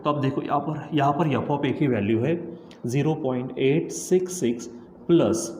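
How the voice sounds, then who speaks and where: A man's voice: medium pitch, moderate pace, a little mellow. A man teaching a maths lesson, walking his students through each step and repeating the values aloud. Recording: echoey room with faint noise.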